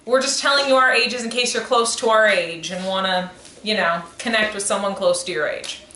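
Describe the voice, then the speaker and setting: Recorded in an echoey space with faint noise, a podcast co-host in her twenties chats casually, rambling and self-correcting as she goes. Her voice is mid-range, brisk and sharp in tone.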